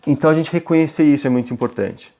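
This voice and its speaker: Calm Brazilian man giving a webinar talk. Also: fairly high pitch, very fast. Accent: Brazilian Portuguese. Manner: calm, reflective, gentle, often ending phrases with a questioning tag. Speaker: parenting educator presenting a webinar.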